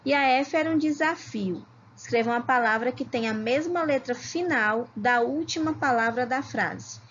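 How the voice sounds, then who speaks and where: A woman from Ceará teaching a children's video lesson, calling herself "tia" and sounding out words slowly, syllable by syllable. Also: high-pitched, a bit bright, breathy edge, lo-fi sound. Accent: Brazilian Portuguese, Ceará. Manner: slow, syllable-by-syllable reading, calls herself "tia". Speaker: primary school teacher.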